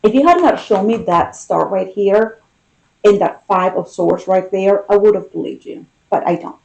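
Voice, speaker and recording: A tarot reader talking in an intimate, conversational style, musing in short phrases with pauses between them. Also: medium pitch, creaky, a little mellow, poor audio.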